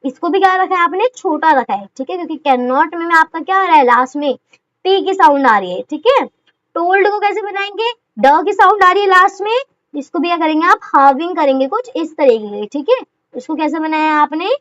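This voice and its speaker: A woman's voice: extremely high pitch, lively intonation, brisk, fairly bright tone, dull audio. A young woman teaching shorthand step by step, constantly checking in and answering her own questions, with English terms mixed into her Hindi. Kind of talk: step-by-step classroom explanation.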